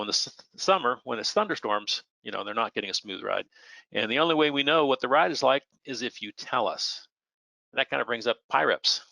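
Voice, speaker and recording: An American air traffic controller answers questions in a plainspoken, conversational way, sometimes acting out short imagined radio exchanges to illustrate his points. His mid-range voice is gravelly with a sharp tone, and the recording is dry and rough.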